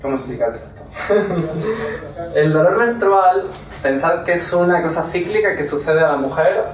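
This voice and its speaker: A man's voice: fairly high pitch, animated, a little slow, a crowd in the background. A man with a Castilian Spanish accent gives an informal workshop talk, telling a story and often checking in with his listeners. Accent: Spain (Castilian Spanish). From Spain. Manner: storytelling, keeps checking in with "¿vale?". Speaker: workshop speaker. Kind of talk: informal lecture to a small audience. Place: talk room at a therapy centre. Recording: echoey room, voice from far off, faint noise.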